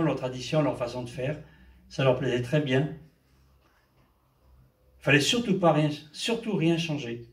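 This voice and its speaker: Older male pastor preaching in an echoey church. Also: on the high side. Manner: emphatic preaching, with repeated amens and hallelujahs. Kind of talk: sermon. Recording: echoey church hall, mic at a distance.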